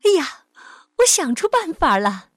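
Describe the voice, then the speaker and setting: A woman voicing a caring mother mouse in a storybook, soft and soothing. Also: a little high, big pitch swings, extremely slow, no room sound, clean studio sound, exaggerated voice. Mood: excited.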